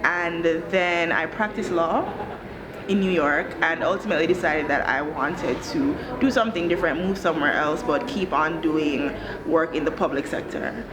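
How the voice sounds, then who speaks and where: A Jamaican woman in her thirties, an education director, answers interview questions thoughtfully, articulately, and at a measured pace in a low voice. A crowd can be heard behind her amid the background noise.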